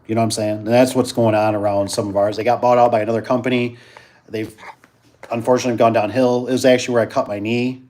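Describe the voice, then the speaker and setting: A man's voice: medium pitch, level tone, fast, darkish tone, a little hiss or hum. A man chatting casually as host of a live stream, rambling and repeating himself while reacting to viewers.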